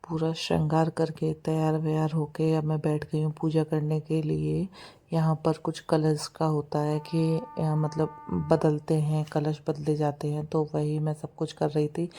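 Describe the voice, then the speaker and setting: Low, mellow-voiced woman vlogger narrating. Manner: chatty, retells events and acts out quotes. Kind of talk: casual voice-over narration.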